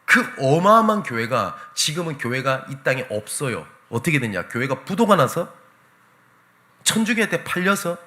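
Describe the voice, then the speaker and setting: A pastor preaching a Sunday sermon in an animated, emphatic storytelling manner. His voice is bright and forceful, and his pitch swings widely from phrase to phrase. He speaks from a church sanctuary. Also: normal speed.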